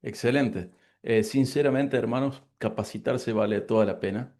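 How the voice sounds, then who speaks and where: A man's voice: medium pitch, darkish tone. A man in his forties from Córdoba with an Argentine accent, a pastor closing a class with prayer and speaking earnestly about his life and studies. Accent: Argentine Spanish (Córdoba). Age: 40s. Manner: earnest, grateful, unhurried. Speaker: pastor and lecturer. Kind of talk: prayer and interview answers.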